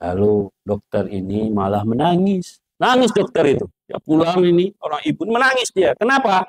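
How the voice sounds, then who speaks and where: A man preaching to boarding-school students. He acts out scolding parents with sound effects and swings from loud raised lines to low hushed asides. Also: dry recording. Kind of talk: sermon to students.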